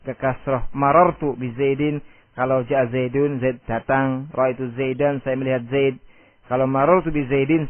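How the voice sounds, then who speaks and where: A man teaching an Arabic grammar lesson, asking questions and answering them himself, reciting Arabic examples slowly. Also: on the high side, no room sound. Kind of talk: recorded Islamic study lesson. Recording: dry tinny phone-like audio.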